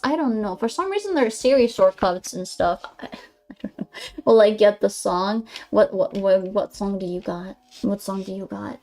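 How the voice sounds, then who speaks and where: Talking loosely to her stream chat, a young adult woman from Greece speaks with a Greek accent and often stumbles as she goes. Her voice sits in the mid range with a somewhat dark tone.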